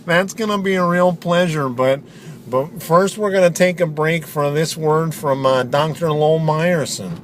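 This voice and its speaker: A man hosting a comic sports show, loud and upbeat, with "man" tossed into his sentences. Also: fairly high pitch, unhurried, a little hiss or hum. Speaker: host.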